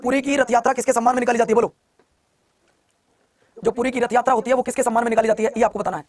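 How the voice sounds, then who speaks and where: A man leads a live online exam class at a rapid clip, his strikingly high voice flat in delivery and darkish in tone, with a certain flavor to it. He repeats each question several times and keeps coaxing students for quick answers.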